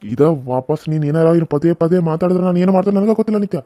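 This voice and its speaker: A man voicing a hot-tempered village husband, scolding gruffly. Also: a little high, rapid-fire, dark tone, no room sound, studio quality, lightly acted. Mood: angry.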